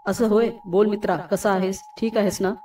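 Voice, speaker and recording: A woman's voice: medium pitch, fairly even intonation, normal speed, darkish tone, a little hiss or hum, natural voice. Woman voicing a brash young man friend. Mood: friendly. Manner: familiar and teasing, turns curt. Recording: roomy, distant, music behind.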